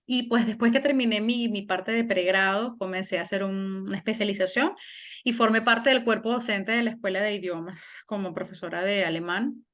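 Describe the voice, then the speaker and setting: A middle-aged Venezuelan woman who works as a singer and German teacher reflects on things in a conversational interview. She speaks a little fast in a medium-pitched, fairly bright voice, often restarting and using fillers.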